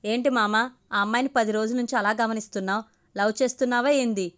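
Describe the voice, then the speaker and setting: A teasing young college buddy full of chummy banter, read in a storybook reading by a woman with a higher voice. He jokes along with his friend and eggs him on. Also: fairly even intonation, fast talker, a bit bright, natural voice.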